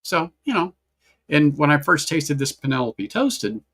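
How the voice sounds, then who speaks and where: A man's voice: on the high side, very animated, unhurried, a bit bright. A man hosting a casual whiskey-tasting livestream, rambling, repeating himself and greeting chat viewers by name.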